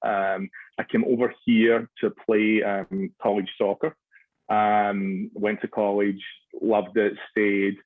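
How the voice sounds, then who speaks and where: A man's voice: on the low side, flat delivery, takes it slowly, no room sound, phone-quality sound. A Scottish man in his forties, a soccer club director, answering radio interview questions with many restarts and fillers. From Scotland.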